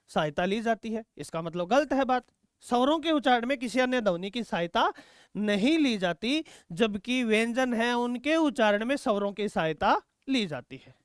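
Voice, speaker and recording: A man's voice: very high voice, clear, resonant tone, no echo, studio quality. A male teacher taking students through exam quiz questions, asking questions and answering them himself and calling students "beta". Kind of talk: exam-prep quiz lesson.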